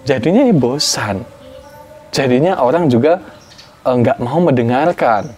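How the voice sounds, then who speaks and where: A young Indonesian man teaching public-speaking tips in an online tutorial, with lively, exaggerated intonation. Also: medium pitch, measured pace, slight background noise.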